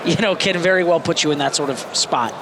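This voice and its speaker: A man's voice: a little high, fast talker. A man giving conversational sports co-commentary on a fight. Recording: very noisy live event background.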